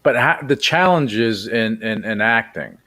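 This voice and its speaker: A man's voice: fairly low pitch, lively intonation, unhurried, bright, forceful tone. A man hosting a radio talk show, interviewing a guest in a casual, rambling way with many repeated words.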